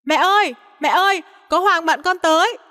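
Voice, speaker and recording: A woman's voice: a little high, big-room sound, lightly acted. Woman doing a flustered young man. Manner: nervous, hurried deflecting.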